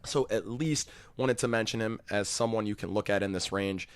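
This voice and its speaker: A man's voice: fairly low pitch, moderate pace, no echo. A man hosting a fantasy golf podcast, rattling off stats and picks in a casual, conversational way. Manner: stat-heavy, casual and conversational. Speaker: podcast host.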